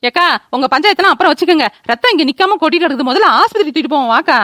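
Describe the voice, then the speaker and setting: A woman voicing a sharp-tongued village woman neighbour, bossy and scolding. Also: sits high, lively intonation, dry recording, studio quality. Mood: urging. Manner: scolding, bossy, rapid-fire. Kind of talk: cartoon voice acting.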